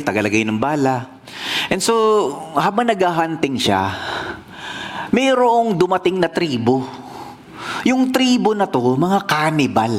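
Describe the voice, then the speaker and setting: A man from the Philippines, a pastor telling a story in a sermon in a playful, animated way. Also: a little high.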